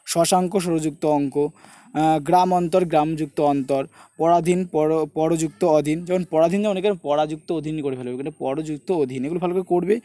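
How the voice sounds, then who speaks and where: Male exam tutor, West Bengal Bengali accent, high, soft-toned voice, slows down to drill each word split. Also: no room sound. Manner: repetitive coaching, keeps saying look and notice. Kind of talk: online lesson with screen walkthrough.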